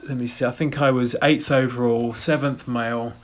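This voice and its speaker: A man in his forties recounts a race in a casual, rambling way, often restarting his sentences. His voice sits at a middling pitch and stays fairly level, with little rise and fall. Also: fairly even intonation, normal speed. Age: 40s. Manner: rambling, with frequent restarts and fillers. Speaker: ultrarunner vlogger. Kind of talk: casual race report narration.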